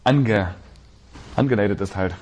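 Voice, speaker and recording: A man preaching a sermon, reading scripture aloud slowly and repeating key phrases with shifting emphasis. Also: fairly low pitch, darkish tone.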